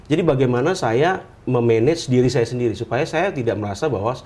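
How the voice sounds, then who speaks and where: A man's voice: medium pitch, fairly quick, slight background noise. Indonesian business guy telling stories in an interview, voice jumps all over, does the other people's voices. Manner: animated, acts out quoted voices. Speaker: entrepreneur guest. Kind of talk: storytelling interview talk.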